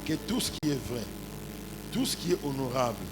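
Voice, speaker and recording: Over music, a Congolese-accented man in his forties preaches at a normal speed in a sing-song, medium-pitched voice. His animated sermon mixes anecdotes, congregational address, exclamations and rhetorical questions.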